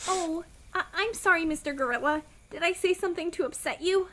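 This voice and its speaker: A woman's voice: extremely high pitch, fairly quick, fairly bright tone, slight background noise. A woman voicing a brave, kind young bunny girl who talks earnestly and caringly.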